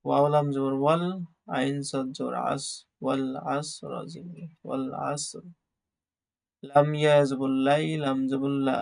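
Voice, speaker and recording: Gravelly, flat-voiced male Quran teacher. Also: medium pitch. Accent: Bangladeshi Bengali. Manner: slow, drawn-out recitation of letters and vowel marks. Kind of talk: spelling out Arabic syllables in an online class.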